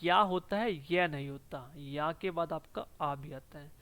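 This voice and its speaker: A man teaching a spelling lesson for exam prep, saying each word slowly twice and tagging lines with "ठीक है". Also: fairly high pitch, pushed and bright, smooth.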